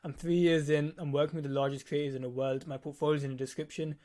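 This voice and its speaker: Fast and mellow, his fairly high voice barely moves in pitch. The nineteen-year-old video editor, who has a lisp, teaches viewers on his own channel in a blunt, casual style full of swearing and emphatic repetition.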